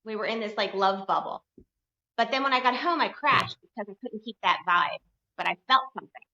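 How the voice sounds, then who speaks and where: A woman chiropractor tells her story on an interview with earnest candor. Her voice is bright and forward. The recording sounds dull and roomy, with echo around her. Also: medium pitch, a little fast. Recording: dull, echoey room sound.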